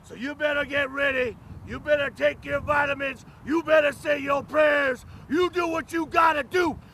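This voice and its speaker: A man delivering a wrestling promo with menacing, drawn-out threats in a gravelly voice. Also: very high-pitched, steady tone, pushed and bright. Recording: clear background noise.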